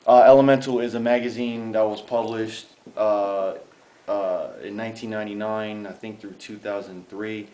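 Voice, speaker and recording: A man's voice: lowish voice, flat delivery, moderate pace, warm tone, roomy sound, low-quality recording. A man in his thirties from the Bronx, a graffiti artist chatting in a casual interview, rambling with many fillers. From the Bronx, New York. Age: 30s. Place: outdoors.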